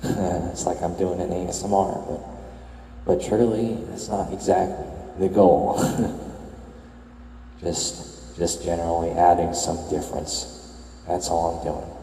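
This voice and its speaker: Young man, soft-spoken reflective voice-over, dark mellow tone, slow hesitant musing, echoey long reverb. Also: little pitch movement, creaky, a little hiss or hum. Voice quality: soft, low-key murmur. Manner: hesitant, self-correcting musing. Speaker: video game tour vlogger.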